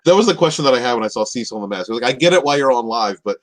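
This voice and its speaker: A man's voice: mid-range voice, lively intonation, racing. A man hosting a casual live-stream interview, easygoing, laughing and greeting viewers. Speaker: host of a live interview show.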